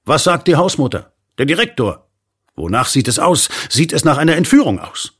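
Guy reading as a worked-up viceroy, husky, pitch jumping all over, firing questions. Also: very animated, moderate pace, fairly bright tone, heavily acted. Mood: demanding. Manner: urgent, demanding questions. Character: agitated royal viceroy, middle-aged man, commanding. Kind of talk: audiobook reading.

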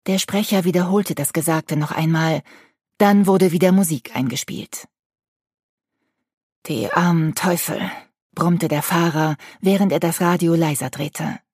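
A woman in her sixties reading an audiobook in a calm, measured way. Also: low-pitched, husky, no echo, clean studio sound. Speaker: audiobook narrator. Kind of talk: scripted narration.

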